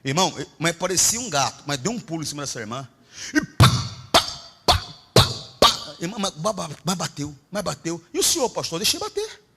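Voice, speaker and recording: A middle-aged Brazilian man preaching a Pentecostal sermon, swinging between shouts and low, confiding asides. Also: animated, moderate pace, vocal fry, faint music behind. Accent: Brazilian Portuguese. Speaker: pastor.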